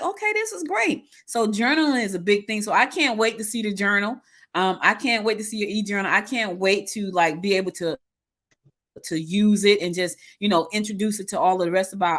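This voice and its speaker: A woman hosting a casual interview, telling her own stories in an animated way with frequent restarts. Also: medium pitch. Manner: animated storyteller, many restarts. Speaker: interview host.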